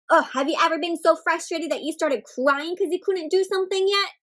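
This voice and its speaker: The recording is very noisy as a high-voiced woman, hosting a children's read-aloud, reads a picture book at normal speed. Her telling is expressive, full of exaggerated gasps, and she regularly asks the kids listening direct questions.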